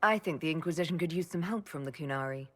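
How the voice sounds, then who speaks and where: An actress playing a calm, diplomatic leader of a heroic order in a fantasy video game, composed and decisive. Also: female voice, low voice, fast, dry recording.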